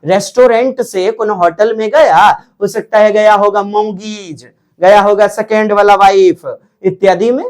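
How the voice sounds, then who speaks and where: A male teacher leading an exam-prep lecture at an unhurried, very slow pace. He stretches out his words and repeats each key term so it sinks in. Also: sits high, fairly even intonation.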